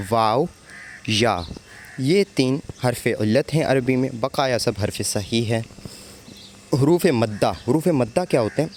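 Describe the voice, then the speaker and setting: Male grammar teacher, mid-pitched voice, lecture style, self-answered questions, faint background hiss. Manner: asks rhetorical questions and answers them, repeats terms. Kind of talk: explanatory lecture.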